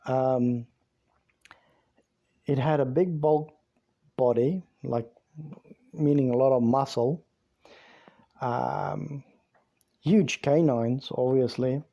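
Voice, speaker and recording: A former police officer whose first language is Afrikaans tells a true story in casual spoken form. He talks slowly in a dark, medium-pitched voice with fairly even intonation, rambling along with lots of "you know"s and repeated words.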